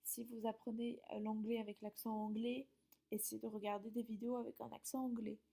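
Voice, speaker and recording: A woman English teacher explains study tips to her students in a friendly way, pausing now and then. Her voice is mellow and husky, with a gravelly edge. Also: on the high side, level tone. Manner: friendly, explanatory, some hesitations. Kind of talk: giving study tips to camera.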